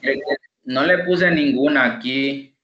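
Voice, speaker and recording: A man with a Salvadoran Spanish accent teaching an online English class, slowly repeating words for pronunciation practice. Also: mid-range voice. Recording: dull, echoey online call audio.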